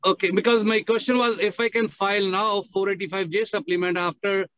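A man's voice: high-pitched, fairly even intonation, fairly quick, dry recording, highs cut off. A man calling in on a car speakerphone while he drives, steadily and carefully explaining his question in detail. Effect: car speakerphone while driving. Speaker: caller asking a question. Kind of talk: casual question on a call.

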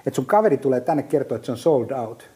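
Animated man telling business stories. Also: mid-range voice, husky. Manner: lively storyteller with many fillers and restarts. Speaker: business guest. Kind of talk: casual podcast chat.

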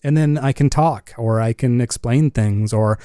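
With an unhurried, mid-range voice that's dark and clean, a man who produces music and hosts a podcast rambles casually solo from his home studio, sprinkling in plenty of "you know." The studio condenser mic leaves no room sound.

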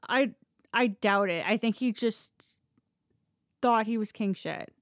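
A woman with a slightly high voice takes her time as she tells podcast stories, keeping things casual, blunt and informal with loose swearing. She is the show's storyteller and host, recorded dry with studio quality.

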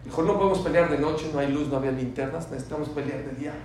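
A man teaching a sermon full of stories, swinging between soft asides and loud emphatic bursts. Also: on the high side, racing. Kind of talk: sermon with storytelling. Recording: very echoey room from far off, faint hiss.

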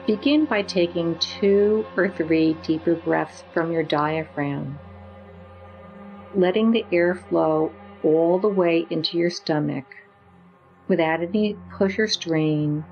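A woman leading a guided meditation with slow, soothing, gentle instructions. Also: low voice, highs cut off, soft background music.

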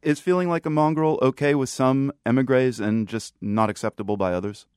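A man hosting a radio news program, reading his narration and interviewing with a steady, clear delivery. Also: mid-range voice, fairly quick, no echo, studio quality. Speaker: radio host.

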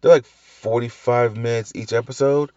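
Hosting his laid-back solo podcast about TV shows, this man has a medium-pitched, steady, warm voice at a moderate pace. He rambles, restarts, swears occasionally and coughs a bit, still getting over the flu, on lo-fi audio without echo.

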